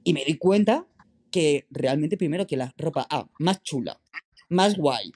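Chatting casually in an interview, a podcast guest from Madrid, Spain, speaks with a Madrid Spanish accent and tells drawn-out stories loaded with fillers. His voice is a little high, expressive, darkish and husky.

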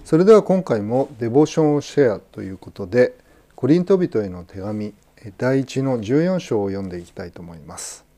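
Mellow-voiced man reading scripture. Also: medium pitch, expressive. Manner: measured, deliberate reading. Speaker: Bible reader sharing a devotion.

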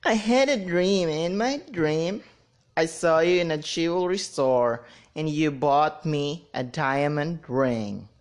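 A man's voice: fairly high pitch, slow, pitched above the performer's own voice. A man voicing a dreamy, hopeful wife in a corny joke on his podcast.

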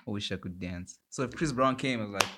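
A man's voice: lowish voice, fast talker, noisy background. A young man from Zimbabwe hosting a podcast, joking playfully and laughing often. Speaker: podcast host. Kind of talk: casual chat.

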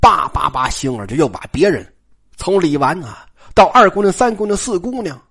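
Male traditional storyteller, colloquial and joking, very animated pitch. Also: moderate pace, creaky, breathy edge. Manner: lively, colloquial, joking asides.

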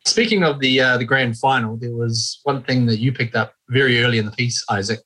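A man's voice: mid-range voice, brisk, bright, forceful tone, low-quality recording. A man with a Maori-influenced New Zealand accent, hosting a casual sports podcast chat. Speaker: podcast host.

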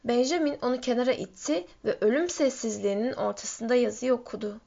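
A woman narrating a story in a steady reading voice. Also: fairly quick, vocal fry. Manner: steady storytelling, lifts pitch for shouted quotes. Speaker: audiobook reader. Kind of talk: scripted narration. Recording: dull lo-fi recording.

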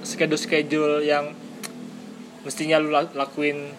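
A young man talks at an easy pace, his voice slightly high, agreeing readily and letting his sentences trail off. Faint ambience hangs behind him. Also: completely flat delivery, a little slow, background noise. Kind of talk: casual chat.

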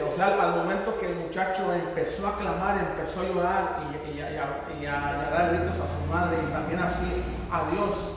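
Man, sermon, halting and repetitive, high voice, long hall reverb. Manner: halting, repeats words, tells the story with feeling. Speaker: preacher. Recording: echoey hall from far off.

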